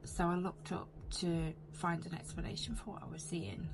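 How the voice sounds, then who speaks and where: A British woman, a paranormal investigator, giving a casual, shaken first-hand account in halting, repetitive phrases. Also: fairly low pitch, creaky, background noise. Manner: shaken, halting, repeating herself.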